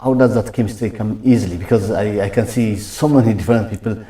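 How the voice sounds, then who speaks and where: A man's voice: fairly low pitch, fast, warm tone, far from the mic. A man hosting an interview, asking questions hesitantly with many fillers and restarts. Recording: roomy echo, off-mic.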